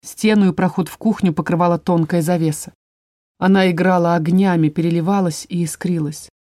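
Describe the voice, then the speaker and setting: A woman narrating a first-person fantasy story in an even storytelling manner. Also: fairly low pitch, a little fast, dry recording, studio quality. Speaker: audiobook narrator.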